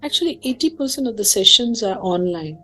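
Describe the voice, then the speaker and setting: Animated woman telling a story. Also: mid-range voice, fairly quick, faint music behind, rough recording. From India. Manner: animated storyteller who acts out quoted people. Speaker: hypnotherapist guest. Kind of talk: casual interview conversation.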